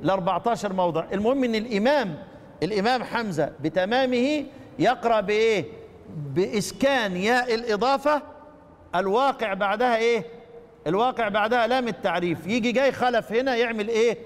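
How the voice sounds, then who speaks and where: A man with an Egyptian Arabic accent leads a lesson, his voice sitting high for a man. He keeps questioning his listeners and repeats phrases as he goes. The sound rings out with a long reverb, like a large hall. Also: quick pace. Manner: quizzes the class and counts items aloud; repeats phrases while teaching. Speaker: teacher of Quran recitation. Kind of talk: classroom lesson explaining a text.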